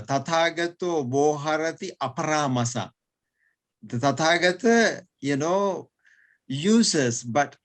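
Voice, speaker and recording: Male teacher, fairly high voice, slow and halting, lots of fillers and chuckles. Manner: hesitant, repeats words, many fillers; chuckles between points. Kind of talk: explaining in an online lesson.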